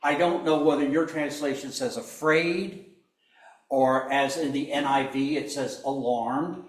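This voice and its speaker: A man's voice: medium pitch, steady tone, measured pace, reverberant. A man preaching a sermon, telling the story with humor and acting out the quoted lines. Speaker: pastor.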